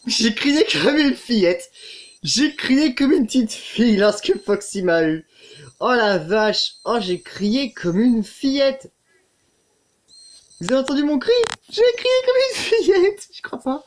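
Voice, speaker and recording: A man giving let's play commentary on a horror game, muttering to the game, swearing often and yelping when startled. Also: sits high.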